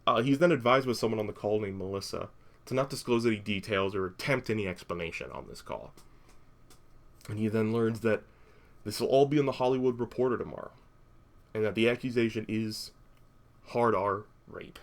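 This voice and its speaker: A man's voice: lowish voice, fairly quick, long pauses. A young man hosting a podcast, recapping a horror movie in a chatty way with wry asides and frequent fillers. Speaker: podcast host.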